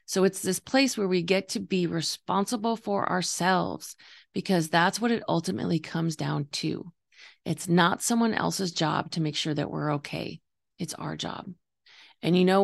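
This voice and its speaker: A woman with a gravelly, slightly hoarse voice talking earnestly and reflectively as a coach hosting a solo podcast, explaining her views. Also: lowish voice. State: voice partly gone, slightly hoarse. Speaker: intuitive coach and podcast host.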